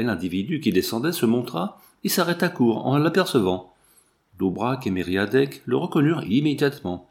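Man reading a novel aloud. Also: mid-range voice. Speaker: audiobook narrator. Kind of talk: scripted narration.

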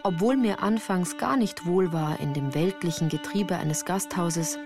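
Over music, an actress with a lowish voice plays a sensitive woman recalling her youth, narrating a literary radio drama in a measured, reflective manner.

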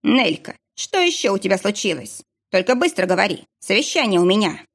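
A woman's voice: mid-range voice, big pitch swings, fairly quick. A woman voicing a stern, busy middle-aged man who speaks in a curt, commanding way.

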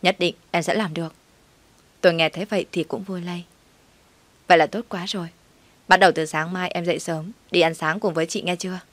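A woman reads a first-person story aloud in a steady, matter-of-fact way. Her voice is on the low side, and the recording is close and dry with no room sound. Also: fast talker, no echo. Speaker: narrator.

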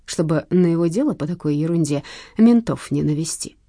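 A woman's voice: low-pitched, a little fast, no room sound. Woman voicing a shrewd, cutting old cop. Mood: calmly threatening. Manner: calm, dry, cutting. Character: shrewd older male ex-cop, calm and cunning.

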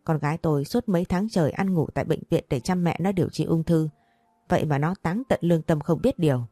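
A woman voicing an angry older father who speaks in rapid, furious bursts. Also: low voice, dry recording. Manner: furious, rapid shouting threats.

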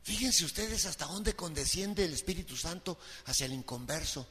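High, bright-voiced preaching pastor. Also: male voice, lively intonation, normal speed, big-room sound. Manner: impassioned preaching, swinging from soft to shouted pleading. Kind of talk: sermon.

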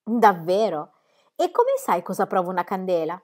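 A woman reading the part of a kindly, teasing middle-aged male country doctor, dry and gently mocking. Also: medium pitch, big pitch swings, moderate pace. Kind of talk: audiobook character reading.

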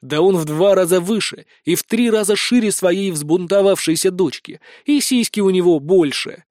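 A man's voice: high-pitched, normal speed, a little mellow, no room sound, studio quality. A man reading a first-person fantasy story in a wry, slangy, conversational manner. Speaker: audiobook narrator.

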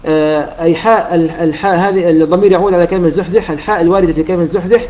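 Fast-talking high-voiced male teacher. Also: steady tone, a little mellow. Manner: explanatory, quotes verses in a slow chanted delivery. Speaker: Quran recitation teacher. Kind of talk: explaining a classical poem on Quran recitation rules. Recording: dull lo-fi recording.

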